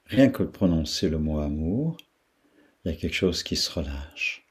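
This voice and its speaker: A man leading a guided meditation talk, speaking slowly with pauses and repeating syllables to show how they sound. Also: rumbling low, expressive, husky. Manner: slow, pausing, repeats syllables to demonstrate their sound. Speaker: meditation teacher.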